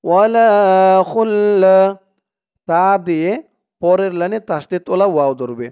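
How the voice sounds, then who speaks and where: A man teaching Quran reading, spelling out letters and vowel marks one by one, then chanting the Arabic words in a drawn-out, louder voice. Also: sits high, smooth, dry recording, muffled recording. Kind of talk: slow spelling-out recitation lesson.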